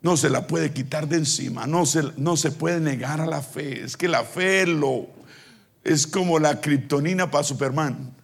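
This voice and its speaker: A male preacher delivering a sermon, leading call-and-response with the congregation and acting out scripture with shouted peaks. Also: fairly high pitch, unhurried, gravelly.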